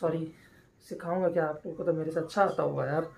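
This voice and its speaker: Speaking quickly in a fairly high, gravelly voice with a steady tone, this young man from Pakistan chats casually with viewers, calling them "brother." The vlogger mixes up a shake in his kitchen before moving to a car at a drive-through. The noisy audio comes from a handheld phone.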